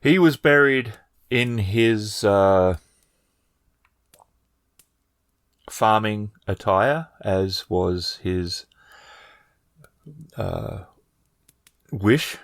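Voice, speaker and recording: A man voices a plainspoken village man in a tabletop game set in a feudal fantasy Japan, speaking in a measured, formal, halting way. His pitch is fairly low and the recording is dry.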